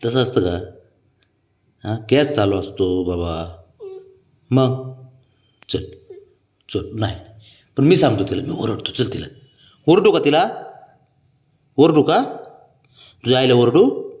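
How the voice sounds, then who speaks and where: Cat owner, male, mid-pitched, sweet-talking his pet in soft pleading tones with high swoops. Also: lively intonation, slow, pauses often. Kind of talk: coaxing baby talk to a pet.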